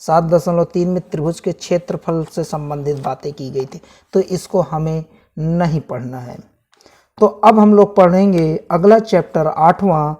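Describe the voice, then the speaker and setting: A man's voice: fairly high pitch, darkish tone. A man teaching, casually walking viewers through a maths syllabus chapter by chapter, repeating each item and calling viewers friends. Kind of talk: casual syllabus walkthrough lesson.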